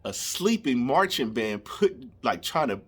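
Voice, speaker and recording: A man's voice: medium pitch, sing-song, unhurried, fairly bright tone, husky. A young man, telling a comedic story casually and animatedly, laughing and acting out scenes. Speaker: storyteller vlogger.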